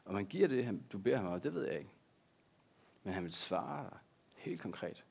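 A pastor delivers a sermon in a low, gravelly voice with a husky edge. He talks earnestly and leans on repeated words for emphasis. The voice is a man's. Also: expressive, darkish tone.

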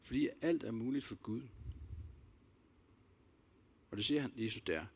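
Earnest and reflective, a male pastor delivers a sermon in a slightly rough, mid-range voice. He puts questions straight to his listeners and keeps returning to key phrases.

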